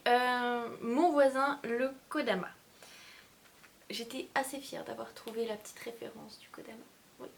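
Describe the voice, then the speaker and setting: A woman with a voice on the high side talks casually about her reading list as a book vlogger, with slight background noise behind her. She's an adult mother of young children who hesitates often, using frequent filler sounds and poking fun at herself.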